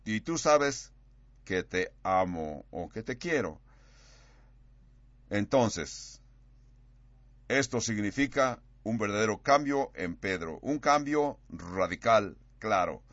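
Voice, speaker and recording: A man preaching a sermon, acting out quoted dialogue with big swings in pitch and loudness. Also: dry recording, muffled recording.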